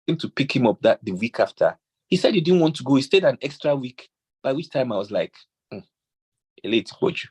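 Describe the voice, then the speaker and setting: A man's voice: fairly low pitch, slightly rough. A Nigerian man giving a talk on parenting, telling stories, quoting scripture and acting out the dialogue. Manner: animated storyteller acting out quoted dialogue. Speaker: speaker on parenting.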